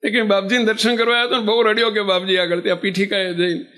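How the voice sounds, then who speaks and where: This preaching monk has a voice that sits high and moves very fast, and his sermon is built on animated storytelling and rhetorical questions to the crowd.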